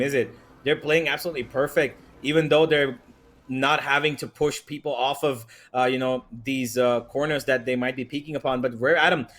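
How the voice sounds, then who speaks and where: A man working as an esports caster, giving live play-by-play on a shooter match in an excitable, urgent manner. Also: mid-range voice. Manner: excitable, rising urgency in action.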